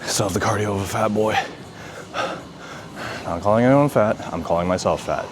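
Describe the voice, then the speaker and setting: Between workout sets in a noisy gym, a vlogger chats casually to the camera in a lowish voice at normal speed. He rambles in a laid-back way and keeps saying "dude."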